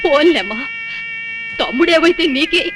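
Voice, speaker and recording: A woman's voice: high-pitched, animated, moderate pace. An actress playing an ailing, hard-of-hearing old mother who complains and fusses in a film comedy. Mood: pleading. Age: older. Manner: plaintive, fussing, scolds gently. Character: old sickly mother, half-deaf and complaining. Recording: film soundtrack with music under.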